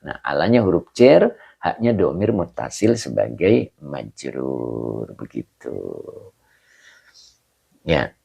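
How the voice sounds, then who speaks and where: Male religious teacher, slow and patient, low husky voice, lively intonation, online grammar class. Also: dull audio. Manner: patient explaining, answering students by name, chuckles. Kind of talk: online Arabic grammar lesson.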